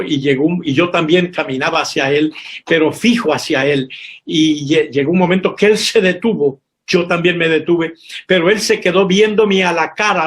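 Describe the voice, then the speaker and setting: Man, pastor, testimony sermon, high voice, vivid storytelling, repeats for emphasis. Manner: vivid storytelling, addresses listeners as brothers. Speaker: pastor and missionary. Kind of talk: preaching a personal testimony.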